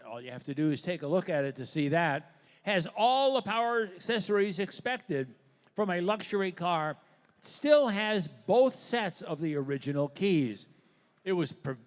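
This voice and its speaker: A man announcing auction lots in a descriptive, partly read presentation. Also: sits high. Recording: long hall reverb.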